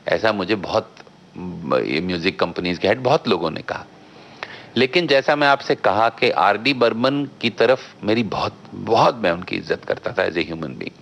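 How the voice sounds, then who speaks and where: A man, a filmmaker guest, telling a long anecdote in a radio interview, outspoken and animated, slipping English phrases into his talk. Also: lowish voice, normal speed, vocal fry, muffled recording, slight background noise. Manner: animated storyteller, mixes English phrases into Hindi; talkative and outspoken.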